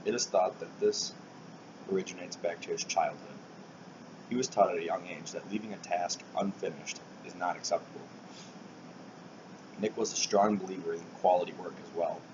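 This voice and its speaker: A man reads a prepared eulogy in a solemn manner, with his phrases trailing off softly. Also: sits low. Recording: dull lo-fi recording, loud air-conditioning hiss.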